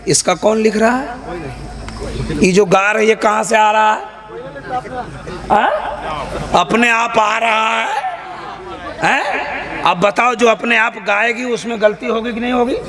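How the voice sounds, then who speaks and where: A male preacher with a notably high voice delivers a sermon at a live gathering. He banters with his listeners, asks them questions and scolds the noisy ones. A large crowd murmurs clearly behind him. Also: steady tone, measured pace, pauses often. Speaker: Islamic preacher.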